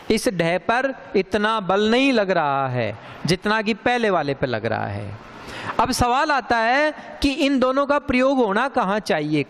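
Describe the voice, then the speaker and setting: A man teaching a grammar lesson, speaking slowly and deliberately and repeating sounds for emphasis. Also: sits high, clean tone. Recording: long hall reverb.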